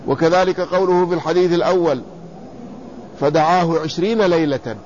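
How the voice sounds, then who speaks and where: A man teaching a lesson in classical Arabic, reading quoted commentary and then explaining it, repeating words slowly to spell out their vowels. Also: on the high side, a little mellow. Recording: slightly dull lo-fi recording with faint room noise.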